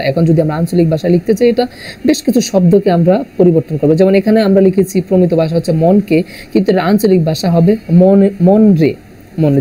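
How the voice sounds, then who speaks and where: A man from Bangladesh explaining exam answers as a teacher, halting often with "ah" fillers and correcting himself mid-word. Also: high voice, mellow, husky, poor audio. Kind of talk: exam answer walkthrough lesson.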